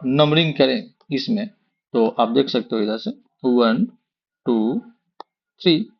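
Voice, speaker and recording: A man's voice: a little high, gravelly, muffled recording. A man teaching a chemistry lesson, who asks questions and then answers them himself, counting positions aloud and mixing English terms into his talk. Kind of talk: whiteboard lecture.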